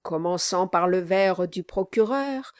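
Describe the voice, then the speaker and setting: A woman narrating a classic novel with measured, expressive storytelling, in a dry close recording. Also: fairly low pitch, clear, resonant tone, dry recording. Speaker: audiobook narrator.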